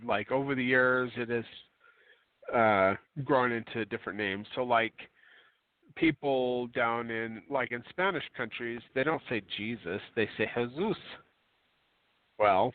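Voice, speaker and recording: A man reading a religious book aloud with digressive asides, often clearing his throat and correcting himself. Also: medium pitch, dry recording. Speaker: religious radio reader and commentator. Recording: dry tinny phone-line audio.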